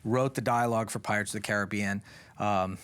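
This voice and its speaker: A man's voice: lowish voice, steady tone, brisk, a bit bright, clean tone. A man speaking in a documentary interview as a theme park attraction designer.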